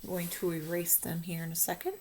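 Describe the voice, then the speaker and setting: A woman's voice: lowish voice, completely flat delivery, a little fast, a little mellow, slight background noise. A woman teacher recording a phonics lesson for young children, drawing out letter sounds in a sing-song teacher voice.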